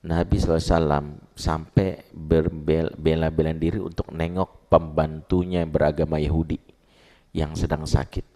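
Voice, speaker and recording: A man's voice: extremely low pitch, warm tone. A male preacher, giving a sermon in a casual, storytelling manner with everyday slang. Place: mosque.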